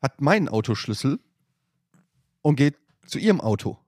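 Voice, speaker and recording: Animated man telling a story. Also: mid-range voice, moderate pace, husky, no echo, clean studio sound. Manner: animated anecdote-telling, voices his mother. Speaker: podcast host. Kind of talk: casual storytelling chat.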